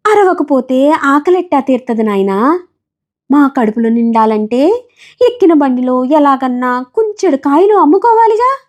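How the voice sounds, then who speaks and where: A woman's voice: high-pitched, very animated, measured pace, voice pushed up. A woman voicing a poor, resigned peanut-selling village woman with a coastal Andhra village dialect, crying out her wares. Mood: weary, resigned. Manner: shouting street-vendor calls, weary dialect speech.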